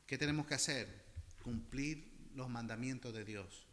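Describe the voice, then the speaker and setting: A man's voice: mid-range voice, unhurried. A man preaching a sermon as pastor, impassioned, often calling his listeners brothers and repeating phrases for emphasis. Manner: repeats phrases for emphasis, swinging between loud and soft.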